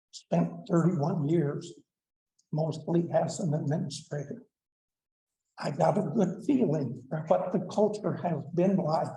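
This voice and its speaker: A man's voice: a little high, mellow, echoey room, low-quality recording. A man in his seventies giving a plainspoken, blunt public comment at a school board meeting, with frequent "uh" fillers. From Colorado, United States. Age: 70s. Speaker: public commenter, retired superintendent.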